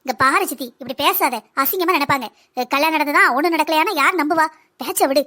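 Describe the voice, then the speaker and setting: A woman with a southern Tamil accent voicing village women who bicker in a cartoon, quick and scolding. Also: high voice, sharp tone. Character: village women bickering over a son's second marriage. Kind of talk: cartoon dialogue.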